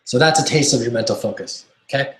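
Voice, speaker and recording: A man's voice: mid-range voice, fast. A man coaching a webinar audience on mindset, enthusiastic and often checking in with "right?". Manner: enthusiastic, keeps asking "right?". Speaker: self-help coach. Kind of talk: webinar teaching talk. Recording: roomy echo.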